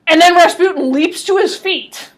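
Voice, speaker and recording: Lively woman lecturing from a distance. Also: very high-pitched, moderate pace. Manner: lively, wry, laughing asides. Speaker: history lecturer. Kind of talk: animated storytelling lecture. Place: classroom.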